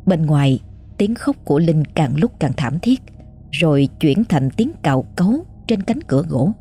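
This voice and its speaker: A woman tells a ghost story in a measured, suspenseful way, her voice low, dark and husky. Faint music runs underneath the narration. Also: sing-song.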